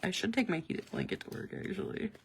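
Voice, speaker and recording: A woman hosting a casual live stream, talking excitedly and laughing often, with lots of "like" fillers. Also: fast, a little hiss or hum. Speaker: planner stencil shop host. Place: office. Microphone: live-stream webcam mic.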